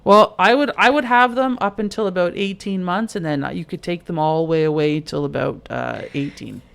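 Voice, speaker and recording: A middle-aged woman co-hosting a podcast, talking in loose, animated stories. Her voice has a gravelly fry at the ends of phrases. She leans on "like" constantly as she chats. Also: on the low side, normal speed. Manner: chatty, fillers of "like", animated storytelling. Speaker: podcast co-host. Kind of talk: casual chat.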